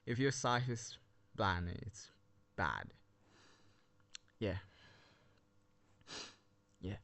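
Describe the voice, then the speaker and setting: Hiding under a blanket with only his device's built-in mic and no headset, a man rambles through casual game skin commentary, restarting constantly and losing his breath. His fairly low voice is expressive and fairly bright in tone, and his pace is extremely slow.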